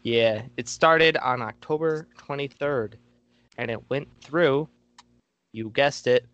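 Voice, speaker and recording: A man's voice: medium pitch, slow pace, a bit bright, clear, resonant tone, dull audio. Rambling jokey male podcast host. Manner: jokey, rambling, laughs easily. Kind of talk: casual chat.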